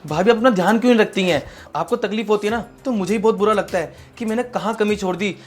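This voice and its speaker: A man's voice: high voice, quick pace, faint music behind, close to an everyday voice. A young man playing a dutiful student brother-in-law in a short film drama, earnest and exasperated. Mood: worried. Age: young adult.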